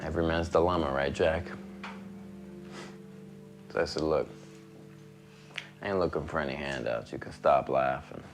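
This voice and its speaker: Crude bragging raconteur, very low voice, unhurried, music bed under film sound. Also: male voice, creaky, exaggerated voice. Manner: crude, swaggering, confiding storyteller. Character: crude boastful man recounting his teenage conquest. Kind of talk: film monologue.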